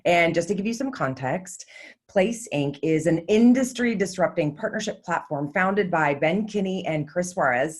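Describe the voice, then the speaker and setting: Woman host, lowish voice, scripted intro, upbeat, emphatic, promotional, video call.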